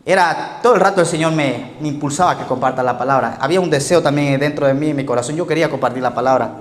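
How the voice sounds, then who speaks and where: Un pastor que predica un sermón contando anécdotas, hace preguntas a la congregación y se ríe de sus propios chistes. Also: male voice, fairly high pitch, fast talker. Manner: storytelling, asks the congregation questions, laughs at his own jokes. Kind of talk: sermon. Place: church hall. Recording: echoey church hall with faint music.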